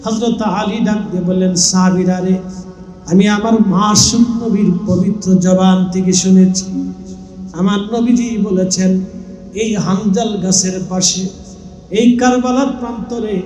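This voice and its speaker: High, slow, wailing Bangladeshi preacher. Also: male voice, fairly even intonation, faint music behind. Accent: Bangladeshi Bengali. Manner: slow wailing chant rising to high shouts. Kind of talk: sung and chanted sermon. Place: outdoor religious gathering ground. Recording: echoey open-air sermon ground with long reverb.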